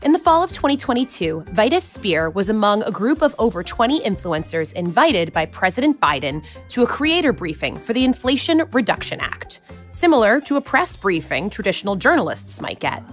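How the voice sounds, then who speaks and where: Woman host narrating with a bouncy voice, soft music under it. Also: mid-range voice, fairly quick. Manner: lively, conversational questions. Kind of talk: interview and scripted narration.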